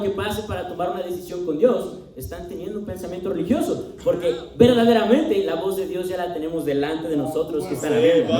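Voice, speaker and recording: A young Mexican man preaching a sermon in a high, mellow voice. He talks conversationally and keeps checking in with a questioning "right?". His voice carries across a roomy, echoing space from some distance off the mic. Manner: reads scripture slowly, swings between loud emphasis and quiet asides. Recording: echoey room, speaker distant from mic.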